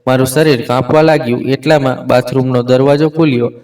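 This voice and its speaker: A man reading a scripted first-person family story in an even, steady way. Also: medium pitch, brisk, far from the mic, rough recording.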